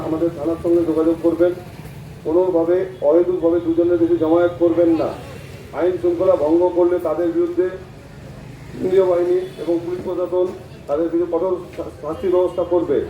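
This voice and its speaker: Male police announcer, formal, even-toned, slightly high voice, echoing public loudspeaker. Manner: measured public-address delivery over a loudspeaker. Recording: echoing outdoor loudspeaker, distant, some noise.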